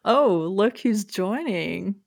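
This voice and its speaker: A woman's voice: medium pitch, lively intonation, slow, gravelly, a little mellow, no room sound, clean studio sound. A woman co-hosting a hockey talk show in casual, conversational sports chat.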